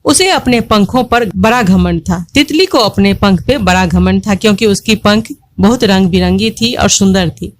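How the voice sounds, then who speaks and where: A woman's voice: mid-range voice, moderate pace, hardly any pauses, a little hiss or hum. A woman teacher explaining a textbook story to children, repeating lines and asking them questions.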